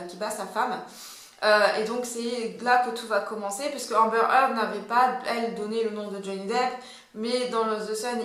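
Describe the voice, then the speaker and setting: In a very echoey room, a woman with a French accent comments on a court case, her voice slightly high and somewhat bright. She talks casually and hesitantly, full of fillers and self-corrections.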